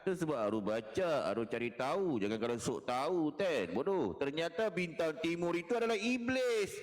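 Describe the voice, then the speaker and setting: An online religious commentator with a voice on the high side delivers an animated, mocking monologue at a moderate pace. Lecturing in tone, he jeers and taunts, repeating phrases and chuckling frequently.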